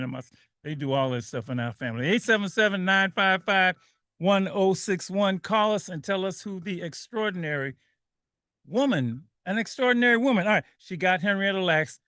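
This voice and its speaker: A man's voice: sits high, fairly quick, pushed and bright, no echo, clean studio sound. A man hosting a call-in radio show who talks with energy, repeats his phrases and laughs easily. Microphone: studio microphone.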